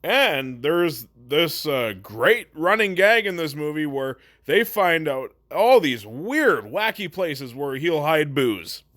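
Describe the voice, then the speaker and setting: A man's voice: fairly high pitch, big pitch swings, slow, few pauses, a bit bright. A man giving a casual, sarcastic movie review, blunt and full of swearing. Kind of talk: casual profane review monologue.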